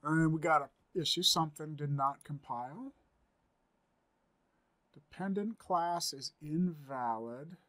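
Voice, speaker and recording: A man's voice: fairly high pitch, measured pace, long pauses, bright, forceful tone. A man in his forties giving a screen-recorded coding tutorial from a home office, thinking aloud as he types, upbeat and chatty. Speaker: programming instructor.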